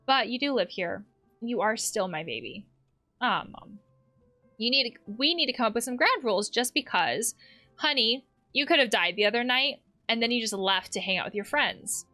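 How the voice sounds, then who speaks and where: A woman voicing a caring, worried middle-aged mother while reading in-game dialogue aloud in a gentle, motherly way. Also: on the high side, expressive, normal speed, faint music behind. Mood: concerned.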